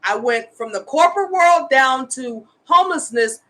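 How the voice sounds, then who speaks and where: As host of a casual live show, a woman in her fifties argues with sincere, impassioned conviction on behalf of homeless women. She has a high-sitting, sharp-toned voice with lively intonation and a moderate pace.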